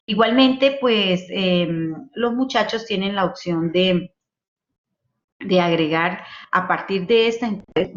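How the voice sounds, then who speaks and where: A woman's voice: lowish voice, dull audio. Woman teacher explaining step by step. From Colombia. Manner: explains step by step, many fillers and restarts. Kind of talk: presenting a classroom project.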